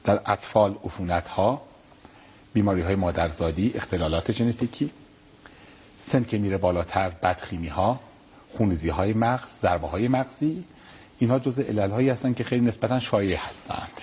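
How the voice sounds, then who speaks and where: A middle-aged man, a pediatric neurosurgeon, answering interview questions politely and explaining calmly with everyday comparisons. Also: fairly low pitch, breathy edge.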